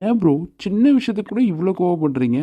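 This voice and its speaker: A defensive young husband. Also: male voice, high-pitched, animated, fast talker. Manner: pleading, defensive. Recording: tinny phone-like lo-fi audio.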